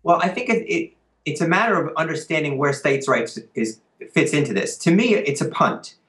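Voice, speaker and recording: A man, a history professor appearing as an interview guest, speaking in a measured, thoughtful way with hesitations and restarts. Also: a little high, lively intonation, a bit bright, reverberant. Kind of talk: remote interview.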